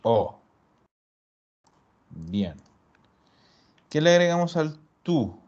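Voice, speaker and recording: Slow, patient male language teacher. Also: a little high, big pitch swings, a little mellow. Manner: patient, repeats students' answers. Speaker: Italian teacher. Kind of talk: explaining grammar in a live class. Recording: dull lo-fi recording.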